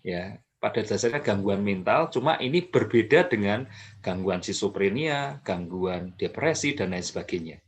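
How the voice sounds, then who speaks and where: A man explaining a topic calmly as an expert guest, with frequent fillers and self-corrections. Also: fairly low pitch, normal speed. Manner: calm, explanatory, many fillers and restarts. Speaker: mental health expert guest. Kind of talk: explanatory talk.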